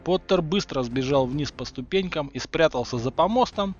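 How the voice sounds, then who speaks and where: A man reading a parody story aloud with lively, ironic narration. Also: a little high, moderate pace, dull audio, soft background music. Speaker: reader.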